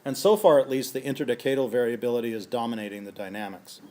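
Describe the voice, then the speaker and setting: A scientist giving a lecture, a man whose voice is going hoarse and who keeps clearing his throat as he works methodically through a series of questions. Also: medium pitch, fast talker, warm tone. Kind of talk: conference lecture.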